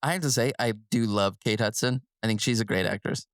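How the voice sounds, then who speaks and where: A man's voice: lowish voice, a little fast, no room sound, studio quality. Laughing, chatty man on a podcast. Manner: chatty, laughing often, many restarts. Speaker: podcast co-host. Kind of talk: casual film podcast chat.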